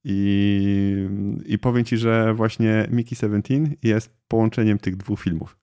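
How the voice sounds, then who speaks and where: A man's voice: fairly low pitch, fairly even intonation, measured pace, mellow, clean tone. A man co-hosting a podcast, explaining things casually and asking his co-host questions. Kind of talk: casual chat.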